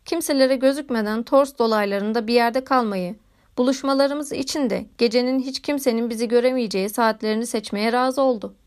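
Woman narrator, audiobook of a classic novel, measured literary reading, high voice. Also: clear, resonant tone. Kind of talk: scripted narration.

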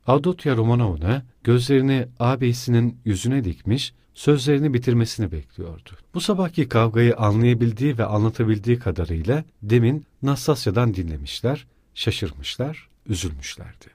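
A man narrating an audiobook in an expressive, measured reading. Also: mid-range voice, husky, no room sound, studio quality. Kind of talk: scripted narration.

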